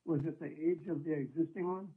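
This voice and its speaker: A man speaking over a crackly, thin phone line, his voice pitched a touch high. He answers the council politely and works through his explanation with hesitant fillers. The call sounds tinny and squeezed, as if dialed in from afar. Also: fairly quick, husky. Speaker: city staff member answering council questions. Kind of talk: calling in to a council meeting.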